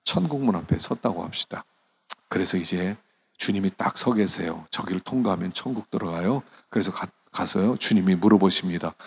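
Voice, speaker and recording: A man preaching as a pastor, dramatically acting out dialogues and swinging from hushed talk to pleading cries. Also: low-pitched, brisk, creaky, breathy edge. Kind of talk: sermon lecture.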